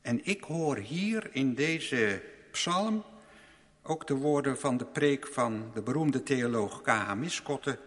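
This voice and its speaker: A man delivers a sermon at a measured, thoughtful pace, leaning on key phrases by slowing down. His voice sits at an ordinary middle pitch. A long reverb trails behind each phrase, as in a large church. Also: expressive, fairly bright tone. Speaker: preacher.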